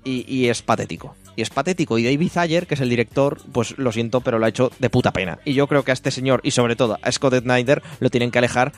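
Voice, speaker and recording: A man's voice: medium pitch, fast, few pauses, soft background music. Ranting man from Spain. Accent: Spain Spanish. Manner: blunt, swears freely, rants. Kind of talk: casual film review chat.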